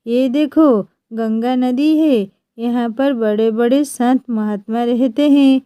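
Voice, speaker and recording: A woman's voice: a little high, slow, warm tone, clear, resonant tone, dry recording. A woman voicing a meek, put-upon young husband in a mild, pleading way.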